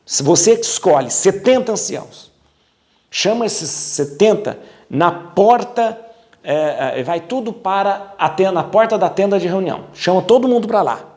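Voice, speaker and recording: A man's voice: high voice, animated, measured pace, darkish tone. A man voicing God giving firm instructions to a prophet, with a Brazilian accent. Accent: Brazilian Portuguese. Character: commanding God giving calm orders.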